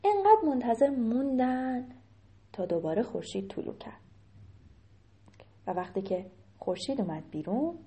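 A woman telling a story to children in an animated way, often turning to ask them questions. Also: a little high, long pauses.

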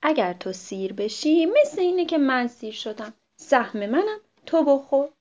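Woman voicing a gentle patient man. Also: high voice, big pitch swings. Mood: sad. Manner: gentle and sighing, soft at times. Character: patient kind-hearted man, a traveler. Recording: muffled lo-fi recording.

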